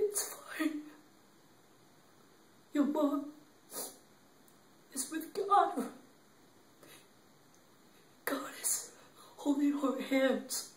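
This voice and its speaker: An actor playing a young man who gently consoles his grieving girlfriend, speaking in a halting, tearful, repetitive way. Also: very high-pitched, a little hiss or hum. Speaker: actor in an improv demo reel. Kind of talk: improvised dramatic monologue. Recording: roomy, distant from the mic.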